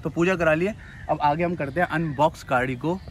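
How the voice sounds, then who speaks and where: A car vlogger in his twenties from India chats casually while recording around a car on the road, with clearly noisy car and roadside sounds behind him. His voice is on the high side and a little fast.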